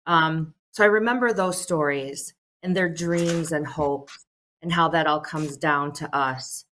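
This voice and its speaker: A middle-aged American woman leading a social services agency speaks at a measured pace in a low-pitched, slightly bright voice, with a little hiss or hum in the background. Her prepared telephone town hall remarks are earnest, with frequent "um"s.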